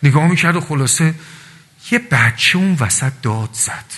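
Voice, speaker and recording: A man delivers an animated religious sermon, weaving stories and voiced asides into his talk. His voice sits a little high and sounds husky. A long reverb from a large hall trails after his words. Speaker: preacher.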